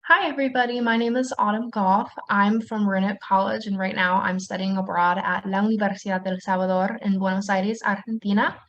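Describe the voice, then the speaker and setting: A woman's voice: mid-range voice, fairly even intonation, fairly quick, hardly any pauses, a bit bright, dull audio. Upbeat young woman on a student panel. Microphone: video call.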